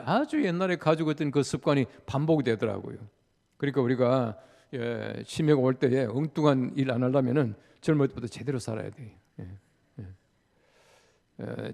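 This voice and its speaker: An older pastor from Korea's Gyeongsang region delivers a conversational dawn prayer service sermon, full of stories and rhetorical questions. His voice is medium-pitched and mellow. He speaks in a large church sanctuary, and the recording has a long church hall reverb.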